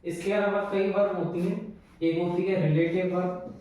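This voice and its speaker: A man teaching English grammar in a slow, explanatory way, repeating his examples. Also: sits high, flat delivery, mellow, slight background noise. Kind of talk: classroom lesson in Hindi. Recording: very echoey room, voice from far off.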